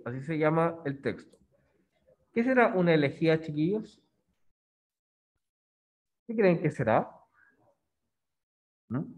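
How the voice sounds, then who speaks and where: A man's voice: high-pitched, warm tone. A male language teacher giving a classroom lesson, coaxing his students with constant questions. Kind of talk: classroom lesson on reading poetry.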